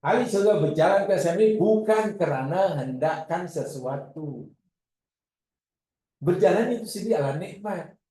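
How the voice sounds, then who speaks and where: A man giving a religious class lecture, animated and acting out his examples. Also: high voice, moderate pace, long pauses. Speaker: religious teacher. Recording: echoey room.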